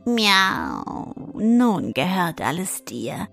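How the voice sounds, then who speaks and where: A woman's voice: lowish voice, sing-song, very slow, gravelly, fairly bright tone, heavily acted. A clever, scheming cat, put on by a woman reading a fairy tale, who purrs out a meow before she speaks. She takes her time over every word. Faint music plays underneath. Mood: sly. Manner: starts lines with a meow.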